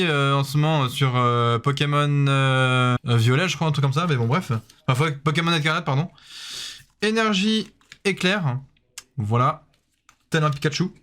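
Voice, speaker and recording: A man's voice: fairly high pitch, fairly bright tone. A man casually commenting as he opens card packs, addressing his viewers and saying "voilà" after almost every card, with frequent hesitations. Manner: chatty, addresses viewers directly. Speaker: YouTuber opening trading card packs.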